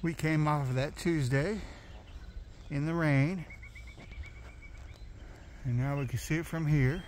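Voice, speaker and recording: A man's voice: a little high, steady tone, slow, darkish tone, slight background noise. A man vlogging to camera while hiking, talking in a folksy, upbeat way and calling his viewers y'all. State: out of breath. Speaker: hiker vlogging a long trail. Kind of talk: casual trail vlog to camera. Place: outdoors on a mountain trail.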